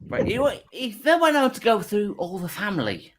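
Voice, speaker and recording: A man's voice: sits high, sing-song, moderate pace, very noisy. A man doing a stand-up comedy set, chatty and stumbling, mocking himself.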